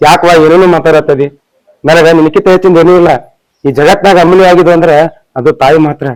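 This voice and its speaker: Earnest young villager played by a man, North Karnataka Kannada accent, rapid reproachful pleading, faint music behind. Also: a little high, fairly even intonation, natural voice, poor audio. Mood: hurt. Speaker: son and in-law in a comedy skit. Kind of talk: village comedy drama acting.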